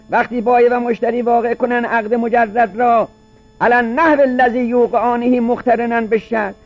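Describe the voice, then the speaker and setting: In a seminary class, a man with a strikingly high voice reads lines of a classical legal text aloud in Arabic, then unpacks them in relaxed, colloquial speech. He often restates a point several ways to drive it home. The recording sounds dull and lo-fi.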